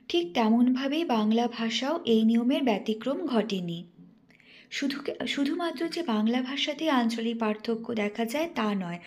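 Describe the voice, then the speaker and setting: A young woman, a teacher trainee, reading a lesson aloud in a careful, instructive way and slowing down to spell out example words. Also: on the high side, a little mellow. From West Bengal, India. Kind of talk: read-aloud lesson presentation.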